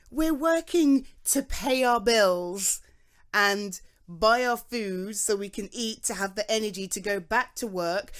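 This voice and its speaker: In an intimate ASMR roleplay, a young British woman speaks to a friend in a chatty, reassuring way, laughing softly and often. Her voice is fairly high.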